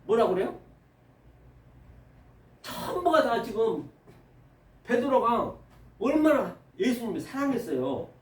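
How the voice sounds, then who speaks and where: A man preaching a sermon lecture, animated and colloquial, acting out Bible dialogue in rough everyday speech. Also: extremely high pitch, takes it slowly, pauses often, roomy sound, far from the mic.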